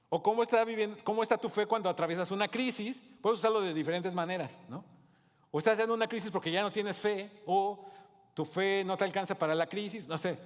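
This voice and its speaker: A man preaching a sermon as pastor, with rising emphasis and calls to the congregation. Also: sits high. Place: church hall. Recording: long hall reverb.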